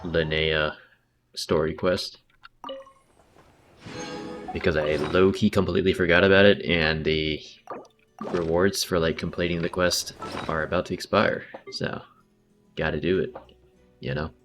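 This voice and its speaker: Pausing often and keeping a measured pace, a low-pitched man with little pitch movement chats casually on his game livestream. He drifts into slangy, muttered asides while video game music plays.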